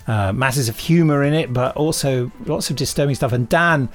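A British podcast host who also directs drama chats casually, rambling along and gleefully quoting things. His voice is medium-pitched at a normal speed, with soft music in the background.

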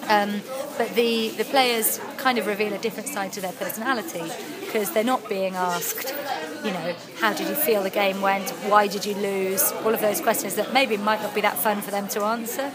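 Talking at a moderate pace in a mid-range voice, a young Welsh actress-writer gives a chatty interview against a noisy crowd. Her storytelling is lively and loose, broken up by lots of ums.

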